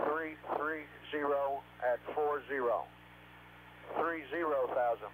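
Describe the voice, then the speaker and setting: Crackly military radio pilot, clipped man's voice. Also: a little high. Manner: clipped digit-by-digit readouts. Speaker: astronaut pilot. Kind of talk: crackly military radio chatter, terse reports. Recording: narrow phone-like band, radio hum, static.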